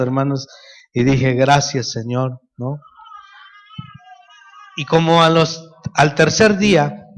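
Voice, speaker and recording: A middle-aged man with a Mexican Spanish accent, a pastor preaching a sermon, telling stories and addressing the congregation as brothers. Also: fairly high pitch.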